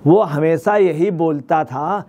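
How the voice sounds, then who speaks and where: A man's voice: on the high side, slow, mellow, dull audio. A man, a senior journalist, giving emphatic political commentary in a news interview, repeating his points.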